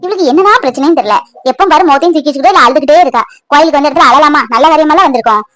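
A woman voicing a brisk, sharp-tongued middle-aged mother who scolds her daughter in a cartoon. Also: high voice, dry recording. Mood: scolding. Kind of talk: cartoon voice acting.

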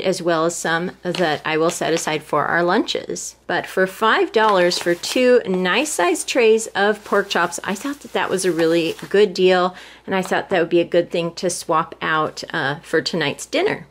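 Chatty older woman showing groceries. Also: fairly low pitch. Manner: chatty, homey, detailed about prices. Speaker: vlogger. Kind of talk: casual grocery haul narration. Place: home, at a table.

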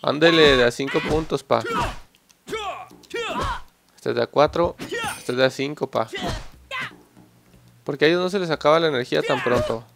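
A young man giving excited, joking gameplay commentary and swearing at his opponents. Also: on the high side, moderate pace, gravelly, long pauses, music in the background. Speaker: gameplay channel host.

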